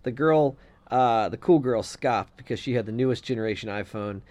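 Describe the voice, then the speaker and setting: A man's voice: medium pitch, normal speed, darkish tone. A man co-hosting a casual podcast, reading a listener letter aloud and giving blunt, opinionated takes with some swearing. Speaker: podcast co-host.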